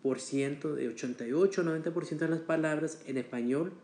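A man's voice: on the high side, fairly quick, dark tone, roomy sound. A man talking as a guest on a casual podcast, chatty and hesitant, with many fillers and restarts.

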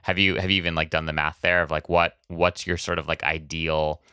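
A man's voice: extremely low pitch, little pitch movement, brisk, pushed and bright, clean tone, no room sound, clean studio sound. A man hosting a podcast in a casual interview, asking long rambling questions packed with filler words. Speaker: podcast host.

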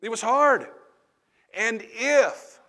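A man's voice: extremely high pitch, lively intonation, extremely slow, pushed and bright. A man preaching a sermon in a conversational, confessional way, with asides to the congregation. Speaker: pastor.

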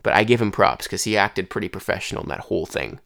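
Young male podcast host, stuffed-up and congested, low-pitched and close and dry, rambling solo talk. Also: lively intonation, quick pace, vocal fry, a bit bright, no room sound. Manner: rambling, conversational, with restarts. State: congested throat and head. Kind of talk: casual solo monologue.

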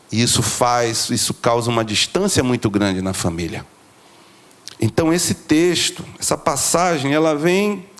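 A man preaching a sermon, moving from soft, slow lows to high, emphatic climbs. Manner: emotional, rising to high emphatic peaks then dropping low and slow.

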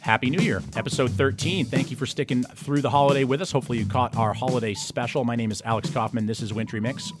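A man hosting a casual radio talk show from a studio, with playful, teasing banter. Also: mid-range voice. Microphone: studio microphone.

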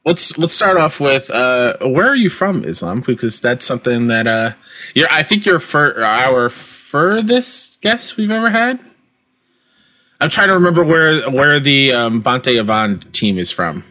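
A man's voice: mid-range voice, big pitch swings, measured pace, sharp tone. A man hosting a casual podcast, chatty and upbeat, laughing easily. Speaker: podcast host.

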